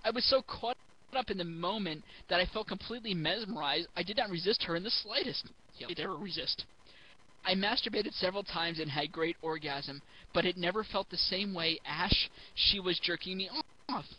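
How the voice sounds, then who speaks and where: A man's voice: high-pitched, normal speed, sharp tone, a little hiss or hum, rough recording. A giggly drunk man reading a story aloud for comedy, stumbling over the text and throwing in mocking asides.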